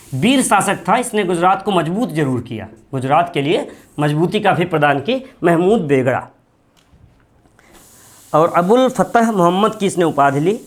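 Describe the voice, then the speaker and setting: Male history teacher, high voice, lecture style, stresses names for note-taking. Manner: repeats key names slowly for students to note down. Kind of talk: classroom lecture.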